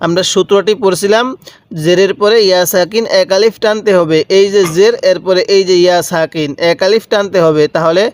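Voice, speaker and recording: High-voiced man teaching Quran reading. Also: fairly even intonation, no room sound. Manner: patient, repetitive, drawn-out syllables. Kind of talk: step-by-step recitation lesson.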